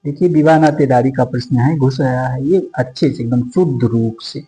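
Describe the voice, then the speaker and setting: A man leads a sociology exam-prep lesson in a mellow, relaxed voice. He drills each multiple-choice option and repeats question numbers so students can keep up. Faint music plays under him. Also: mid-range voice, normal speed, gravelly, rough recording.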